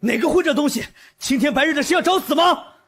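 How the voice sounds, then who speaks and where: An actor playing a brusque carriage guard in a costume drama, curt and threatening. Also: male voice, very high-pitched, expressive, quick pace, background noise. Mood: hostile.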